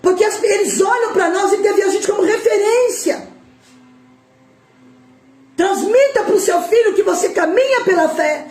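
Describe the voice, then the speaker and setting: A middle-aged Brazilian woman preaching an emotional Pentecostal sermon, impassioned, shouting and tearful at times. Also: very high voice, moderate pace, long pauses, echoey room. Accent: Brazilian Portuguese.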